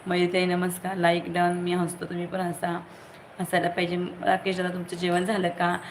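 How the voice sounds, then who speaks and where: Low, flat-voiced woman hosting a live stream. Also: moderate pace, poor audio. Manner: greets viewers by name, asks for likes. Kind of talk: casual live-stream chat reading comments. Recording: faint background noise.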